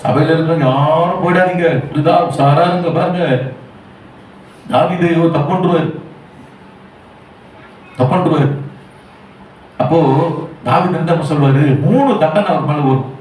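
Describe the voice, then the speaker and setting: Far from the mic in an echoey church hall with a faint hum, a male pastor with a Tamil Nadu accent preaches a Sunday sermon in Tamil. He speaks at a normal speed in a fairly high, darkish voice, urgently pleading with his listeners through repeated rhetorical questions.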